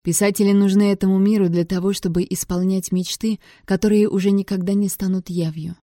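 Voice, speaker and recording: A woman's voice: medium pitch, little pitch movement, brisk, dark tone, dry recording, clean studio sound. A woman reading a first-person novel aloud, with a wry, sardonic tone. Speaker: audiobook narrator.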